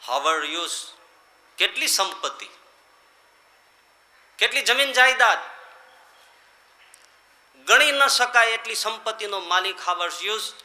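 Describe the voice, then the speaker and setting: A man, a monk, giving a sermon on scripture, swinging from loud emphatic lines to quiet low ones. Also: animated, measured pace, pauses often, roomy sound.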